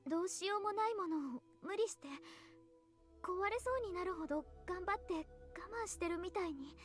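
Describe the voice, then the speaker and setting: Yo, a soft-spoken anxious schoolgirl. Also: very high-pitched, racing, soft background music. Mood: worried. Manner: soft, polite, hesitant. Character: gentle earnest schoolgirl, worried and pleading. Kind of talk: anime game voice acting.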